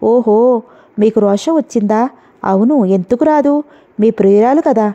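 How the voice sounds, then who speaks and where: A jealous young wife snaps sharp, sarcastic accusations, voiced by a woman reading a novel aloud. The voice sits a little high and mellow. The audio is dull and lo-fi. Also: normal speed, close to an everyday voice. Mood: bitter.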